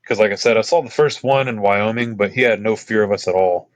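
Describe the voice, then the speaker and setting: Briskly and in a dry recording, a deep-voiced man from Texas rambles through trail stories for a podcast. His casual storytelling is packed with fillers and asides.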